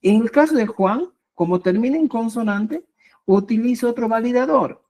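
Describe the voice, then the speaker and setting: A woman teaches a live online language class, explaining slowly and repetitively with rising emphasis and a steady "¿ya?" to make sure her students are following. Her voice is on the high side and mellow.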